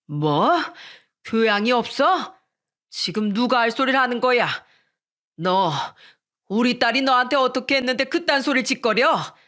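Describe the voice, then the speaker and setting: A woman voicing an outraged older father who yells at his son-in-law in a dramatized story. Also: on the high side, expressive, a little slow. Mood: furious. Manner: shouting, furious.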